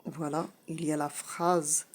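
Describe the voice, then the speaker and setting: Slow, low-voiced woman teaching French. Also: level tone. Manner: patient, repeats key points, says "voilà" often. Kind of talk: slow explanatory lesson.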